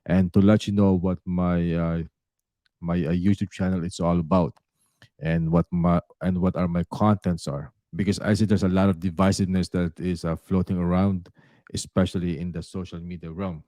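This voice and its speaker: A low-pitched, dark-toned man, born in the Philippines, talks to his channel's viewers in a direct, earnest way. He often pauses on "uh" while he gathers his thoughts. The recording is dry and close, with no room sound. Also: flat delivery, no room sound. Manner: earnest, direct, with frequent "uh" fillers. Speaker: realtor and YouTuber. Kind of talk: talking to camera.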